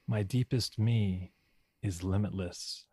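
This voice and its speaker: A man guides a meditation in a low, husky voice with a dark, mellow tone. He speaks hushed and slow, repeating each affirmation gently.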